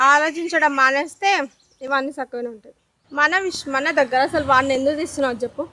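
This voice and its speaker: A woman's voice: high voice, fast talker, bright, forceful tone. A young woman acting in a love drama, tearful and defensive. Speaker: actress in a web drama. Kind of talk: acted love-drama dialogue.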